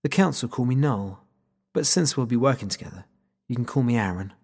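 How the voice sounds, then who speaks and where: A man reading the part of a calm, smug male agent who cancels other people's powers, speaking in an unhurried and coolly threatening way with a husky, gravelly voice. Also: mid-range voice.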